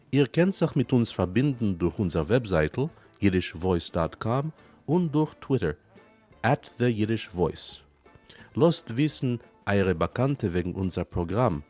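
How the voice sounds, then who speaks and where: A male radio announcer reading a formal station introduction in a measured way. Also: fairly low pitch, a little mellow.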